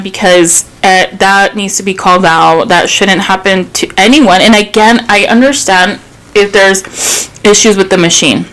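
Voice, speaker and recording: A woman's voice: medium pitch, fairly bright tone, rough recording. A woman in her thirties co-hosting a podcast, telling a personal story in casual chat, candid and swearing freely. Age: 30s. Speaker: podcast co-host.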